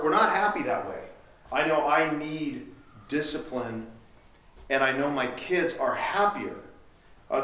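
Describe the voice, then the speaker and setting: A man's voice: mid-range voice, fairly bright tone. A man preaching as a pastor, direct and earnest, acting out parents and children as he teaches. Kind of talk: sermon. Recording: echoey room, from far off.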